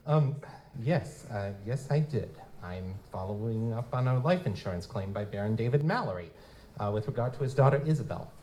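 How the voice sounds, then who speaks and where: A man voices a wry goblin private eye, a wisecracking male lutin investigator narrating a hard-boiled noir audio drama in noir style. Lightly acted at normal speed, his fairly low, dark-toned voice has lively intonation. Polite and probing, he wryly pretends to be hesitantly polite, captured in a noisy live stage recording.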